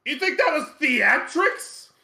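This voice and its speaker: A shrill, whiny little imp, petulant and sulky, with a voice that jumps high and swoops around as he complains, put on by a man running the game. It is recorded in a roomy space with noticeable echo. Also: very animated, slow pace, gravelly, pushed and bright, exaggerated voice. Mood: indignant. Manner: whiny and indignant, yelping. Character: whiny petulant male imp, small fiend.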